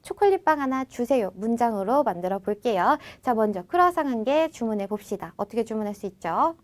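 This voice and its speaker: Female language teacher, a touch high-pitched, walks students through phrases with slow, careful modeling. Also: animated. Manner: slows down to model phrases, then explains in Korean. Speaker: French teacher. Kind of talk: language lesson.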